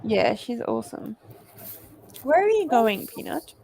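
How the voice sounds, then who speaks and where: Female livestream host on a video call, slightly high and gravelly, chatty, reads viewer comments. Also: sing-song, measured pace, warm tone, slight background noise. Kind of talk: casual livestream chat.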